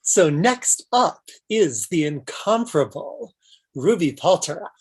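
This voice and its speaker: A woman hosting an informal event, introducing performers in a halting, searching way. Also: lowish voice, big pitch swings, darkish tone, a little hiss or hum.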